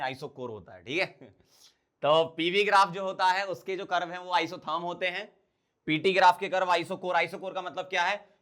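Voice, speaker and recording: A male chemistry teacher gives a board lecture in a bright, forceful voice that sits a little high for a man. He keeps asking the class questions and answers them himself. He moves easily between everyday speech and English technical terms. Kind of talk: blackboard lecture.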